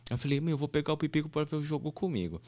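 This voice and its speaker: A man's voice: fairly high pitch, racing. A man, a podcast guest telling a heartfelt story in a casual, emotional way. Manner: animated, emotional, repeats "meu" and "pô".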